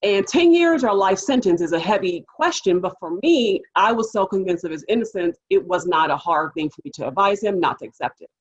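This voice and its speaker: A woman public defender telling a courtroom story to a panel audience, lively and animated, acting out the people she quotes. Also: mid-range voice, brisk, hardly any pauses, breathy edge, dull audio.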